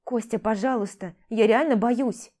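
A woman voicing a sharp-tongued, nervous young woman in an audiobook, given to quick scolding retorts. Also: on the high side, pitched above the performer's own voice, close to an everyday voice. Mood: scared, angry.

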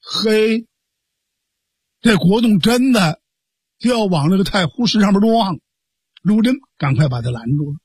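A man narrating a traditional story in a lively, expressive way. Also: unhurried, long pauses, breathy edge, no echo, clean studio sound. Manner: lively, expressive, leaping pitch.

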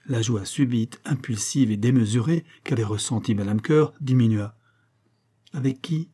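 A man reading a classic short story aloud in a measured, expressive way. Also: mid-range voice, husky. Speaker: audiobook narrator. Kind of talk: literary audiobook reading.

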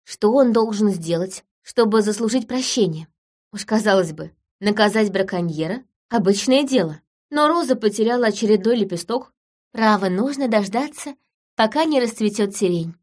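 A woman narrating a first-person fairy tale in a gentle, measured storytelling manner. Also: mid-range voice, expressive. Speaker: audiobook narrator.

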